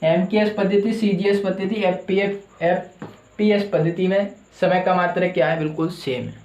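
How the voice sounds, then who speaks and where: A man's voice: sits high, steady tone, moderate pace, darkish tone, reverberant, low-quality recording. A male teacher giving a classroom lecture who asks his own questions and answers them, repeating the key terms.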